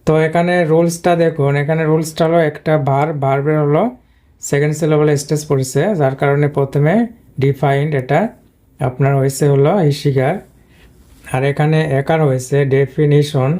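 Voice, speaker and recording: A man's voice: a little high, flat delivery, normal speed, warm tone. A man teaching English pronunciation in a screen-based video lesson, explaining patiently and repeating himself often. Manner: patient, repetitive explaining with frequent "but" fillers.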